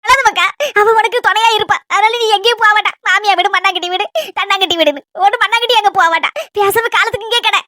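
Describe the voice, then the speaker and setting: A scolding old village mother-in-law, put on by a young woman. She rattles on fast in a Kanyakumari Tamil accent, high and bright for an old woman. It is a dry-sounding comedy sketch voice. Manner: nosy, loud, complaining.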